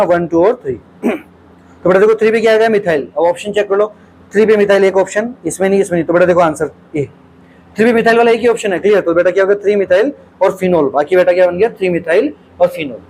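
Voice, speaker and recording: A man's voice: high voice, quick pace, darkish tone, slight background noise, low-quality recording. A male teacher solves exam questions aloud in a lecture, keeps calling his students "beta", and asks questions and repeats the answers.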